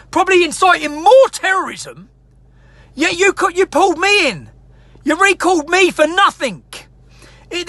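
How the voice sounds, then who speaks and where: A man's voice: very high-pitched, sharp tone, no echo. An angry man ranting straight to camera as a political activist, sweary and combative, hammering his points again and again. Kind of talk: angry direct-to-camera rant.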